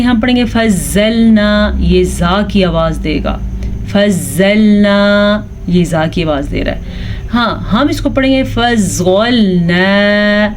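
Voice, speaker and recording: A woman teaching a tajweed lesson in Urdu, explaining rules patiently and then slowly drawing out the example words. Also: mid-range voice, a little mellow, slight background noise. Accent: Pakistani Urdu. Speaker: Quran recitation teacher.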